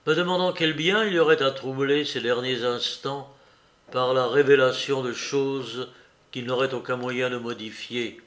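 A man narrating a classic novel as an audiobook, with a measured, even literary reading. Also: mid-range voice.

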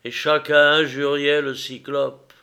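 A man narrating a literary tale in a measured, unhurried storytelling manner. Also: a little high, little pitch movement, gravelly, bright, forceful tone. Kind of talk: literary audiobook reading.

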